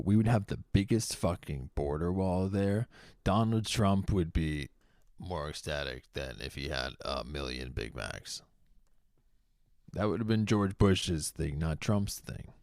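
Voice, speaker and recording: Young boston guy with a boston accent ranting on a comedy show, cussing a lot, deep voice, dry mic. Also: no room sound. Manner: profane, heated, shouting bursts. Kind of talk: stand-up style comedic rant.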